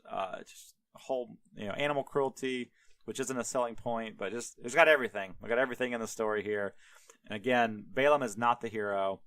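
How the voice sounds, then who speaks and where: A man hosting a podcast, casually retelling an old story in a rambling, irreverent way packed with fillers. His voice is smooth and resonant, and the recording sounds dry and close. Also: lowish voice, a bit bright, no echo. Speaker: podcast host.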